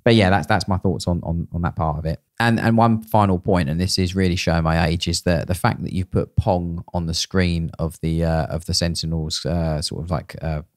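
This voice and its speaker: A man's voice: low-pitched, fairly even intonation, normal speed, few pauses, no echo. A man in his thirties co-hosting a miniature painting critique show from a small studio, talking casually with many fillers and restarts into a podcast mic. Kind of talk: casual feedback chat. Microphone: podcast mic on boom arm.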